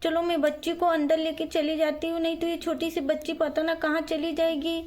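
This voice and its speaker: A kind, worried young housewife who coaxes and soothes and thinks out loud, as a woman puts her on. She speaks in a very high, gentle voice for a doll storybook video. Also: level tone, normal speed. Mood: soothing. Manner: coaxing, talks to herself aloud.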